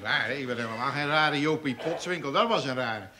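A man's voice: mid-range voice, fairly quick, bright, forceful tone, close to an everyday voice. An actor playing an eccentric, teasing old grandfather in a stage farce, talking in a jovial way. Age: older. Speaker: father and grandfather.

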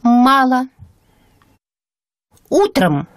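A woman serving as the native-speaker model reader in a language lesson, pronouncing single words slowly with clear, deliberate enunciation. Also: high-pitched, big pitch swings, dry recording, clean studio sound. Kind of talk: slow careful word-by-word reading.

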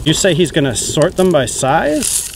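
A woman's voice: sits low, big pitch swings, measured pace. A woman behind the camera on a beach gives cheerful, encouraging narration to young viewers as she films a child at play. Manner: cheerful, encouraging, talks to the kids watching. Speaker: parent filming a child's toy play. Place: outdoors on a shell-covered beach. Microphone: camera mic behind the lens. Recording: noisy outdoor audio with wind and water.

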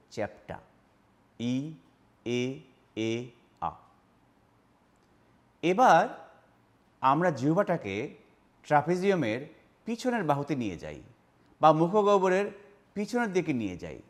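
Man lecturing, sounding out vowels. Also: fairly high pitch. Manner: demonstrates vowel sounds aloud, addresses viewers directly. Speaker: linguistics lecturer. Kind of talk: spoken lecture on phonetics.

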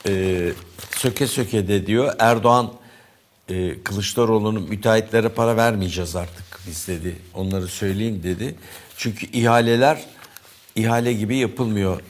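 A man hosting a morning news show, reading newspaper headlines aloud and commenting casually, with frequent pauses and fillers. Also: fairly low pitch, slight background noise. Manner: conversational, reads headlines aloud with hesitant fillers. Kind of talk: press review commentary.

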